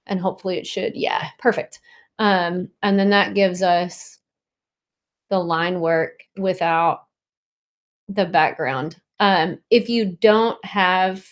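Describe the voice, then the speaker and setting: A woman at home casually walking viewers through a design tool on a shared screen, chatty and full of ums and likes. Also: lowish voice. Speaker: design tutorial presenter.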